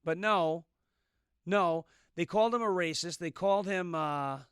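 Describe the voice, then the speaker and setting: A man's voice: sits high, unhurried, a bit bright, smooth, dry recording, studio quality. A man in his early thirties guest-hosting a political commentary show with a sarcastic, snarky delivery. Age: 30s. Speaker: guest host.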